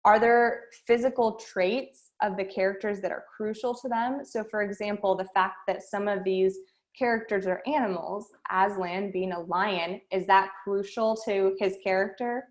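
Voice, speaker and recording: A woman's voice: medium pitch, steady tone, normal speed. A woman, a speech and debate coach teaching an online workshop and guiding students through a string of questions.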